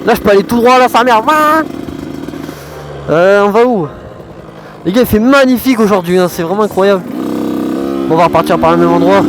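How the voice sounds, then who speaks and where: A man's voice: high voice, background noise. A young man chats casually in a raised voice inside a helmet while riding a motorbike. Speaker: motorbike vlogger.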